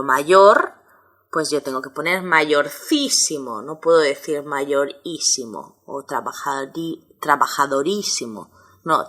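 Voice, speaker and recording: A woman's voice: low voice, bright, forceful tone. A woman teaching a grammar lesson, explaining step by step with many examples. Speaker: Spanish teacher.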